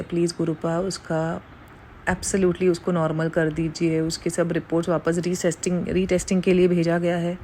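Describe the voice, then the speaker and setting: A woman's voice: fairly low pitch, a little mellow, slight background noise. A middle-aged woman giving an earnest devotional testimony to a congregation, mixing Hindi with English phrases.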